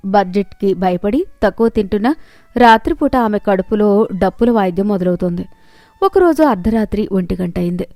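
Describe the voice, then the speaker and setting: A woman telling a moral story in steady, scripted storybook narration. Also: mid-range voice, no room sound.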